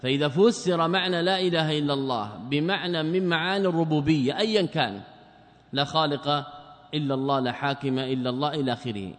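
A man's voice: fairly high pitch, quick pace, in a large hall. A male religious teacher giving a lecture on a theology text, explaining by asking his own questions and answering them.

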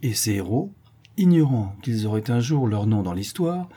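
A man voicing a gracious, gently persuasive young woman, softly coaxing, in an audiobook reading. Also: on the low side, animated, normal speed, breathy edge.

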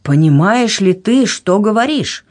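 A woman voicing a touchy, pompous king who shouts in offence. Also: mid-range voice, animated, measured pace, voice pushed up. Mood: angry. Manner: angry, offended exclamations. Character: irritable older male king, pompous and touchy.

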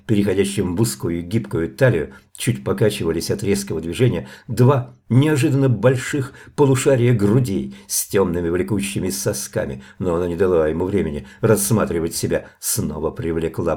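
A man reading a novel aloud as narrator in a measured, even storytelling manner. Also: fairly low pitch, slightly rough.

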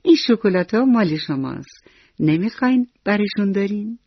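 A soft-spoken, lonely old grandfather in a bedtime radio story, as a woman storyteller puts him on. His voice is low, hushed and breathy, and it comes over a dull, dry, lo-fi radio recording. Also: lively intonation, no room sound. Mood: gentle. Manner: soft, slow and gentle.

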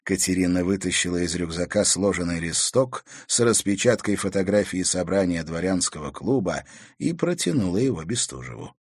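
A man narrating a novel as an audiobook in a measured storytelling manner. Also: low-pitched, breathy edge, dry recording, clean studio sound. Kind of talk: scripted narration.

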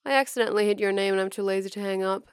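A woman voicing a bored, restless young male idol in a fan fiction reading, with a flat, sulky delivery. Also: mid-range voice, racing, clean tone, dry recording, studio quality, close to an everyday voice.

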